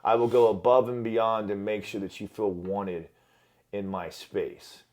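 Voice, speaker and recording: Fortysomething guy chatting on a podcast, lowish voice, swears a lot, pokes fun at himself. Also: fairly even intonation, measured pace, a little mellow. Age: 40s. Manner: candid, profane, self-deprecating. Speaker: gym owner and jiu-jitsu coach. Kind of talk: casual podcast chat.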